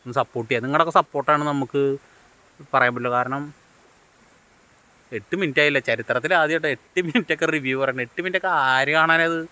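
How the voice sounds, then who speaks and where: Fast-talking man recapping a serial. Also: medium pitch, fairly even intonation, sharp tone. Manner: rapid, rambling retelling with frequent restarts. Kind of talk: casual episode recap. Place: outdoors beside a road. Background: passing vehicles.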